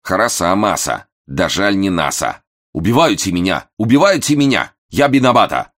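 A man's voice: low voice, big pitch swings, moderate pace, fairly bright tone, pitched above the performer's own voice, full character voice. A man voicing a loyal, apologetic manservant who speaks in broken phrases.

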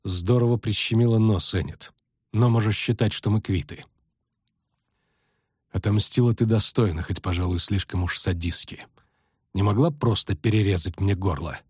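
A male reader voicing an exhausted, sardonic sorceress who speaks low, strained and muttering. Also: normal speed, darkish tone, breathy edge, no room sound, clean studio sound. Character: battered weary sardonic sorceress woman.

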